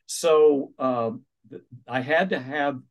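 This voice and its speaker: An older man who is an author and minister tells stories during an interview, animatedly acting out the voices he quotes. His voice is medium-pitched and slow-paced, and the sound is lo-fi.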